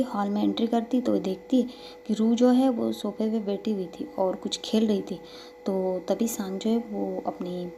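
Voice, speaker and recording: A woman's voice: mid-range voice, mellow, a little hiss or hum. A woman narrating a love story in a casual, conversational storytelling way. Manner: conversational retelling, frequent "to ... kehti".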